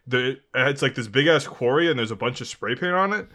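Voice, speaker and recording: A man's voice: medium pitch, expressive, a little fast, sharp tone. A young man co-hosting a podcast in casual chat, laughing often and swearing freely. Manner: giggly, swears casually, says "like" and "dude" a lot. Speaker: podcast co-host.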